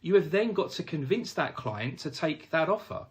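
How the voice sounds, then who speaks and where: Lively, emphatic male finance trainer. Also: on the high side, moderate pace. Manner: emphatic, addresses viewers as "guys". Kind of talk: direct-to-camera instructional talk.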